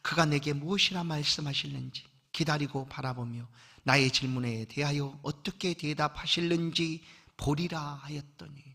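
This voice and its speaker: Gravelly, bright-voiced male pastor preaching. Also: fairly high pitch, fairly even intonation, normal speed. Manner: swings from loud exhortation to hushed near-whisper. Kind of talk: sermon.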